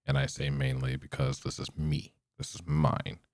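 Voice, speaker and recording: A young man hosting his own podcast, rambling unscripted in a monotone with lots of fillers. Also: rumbling low, normal speed, vocal fry, no echo. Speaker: podcast host.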